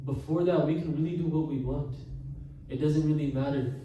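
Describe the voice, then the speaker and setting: A man's voice: fairly high pitch, fairly even intonation. Man preaching in an echoing hall. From Canada. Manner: earnest, addresses the congregation often, slows for emphasis. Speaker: Sikh preacher giving katha. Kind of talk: sermon. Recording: echoey hall from far off with faint noise.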